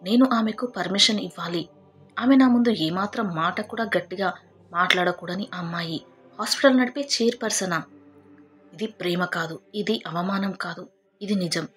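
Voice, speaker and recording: A woman's voice: fairly low pitch, moderate pace, fairly bright tone, soft background music, natural voice. A woman voicing a suspicious, proud young husband in a storybook narration, pressing with indignant questions. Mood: inner turmoil.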